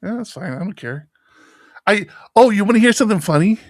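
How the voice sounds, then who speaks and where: An animated storyteller in his fifties, this podcast co-host slips into the voices of people he quotes while chatting casually. His high voice moves briskly, and the studio-quality audio has no echo.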